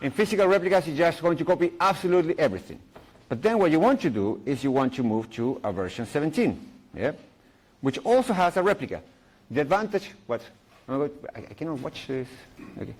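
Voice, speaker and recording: A middle-aged Chilean man speaks English into a stage mic at a conference, his voice a little high for a man, with big pitch swings and a fairly quick pace. Playful and jokey, he leans on fillers and restarts as he walks the room through a technical idea and takes audience questions. His tone is a little mellow and husky, and the recording is low-quality.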